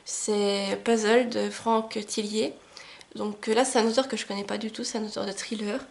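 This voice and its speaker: A young woman vlogging about her book gifts in a chatty, enthusiastic way, often pausing on "euh" and laughing a little, recorded at home on a camcorder microphone. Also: medium pitch, level tone, vocal fry. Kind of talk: casual book haul chat to camera.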